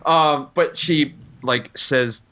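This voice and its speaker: A man's voice: medium pitch, drawn-out words, sharp tone. A young man co-hosting a casual anime podcast, blunt and profane, ranting about what he hates. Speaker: podcast co-host.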